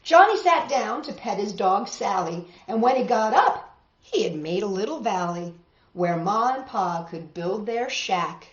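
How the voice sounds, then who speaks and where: With a medium-pitched voice and a measured pace, a woman reads picture books to children, lively and exclamatory, lingering on words and adding conversational asides. The audio has the dull, echoey quality of a room recording.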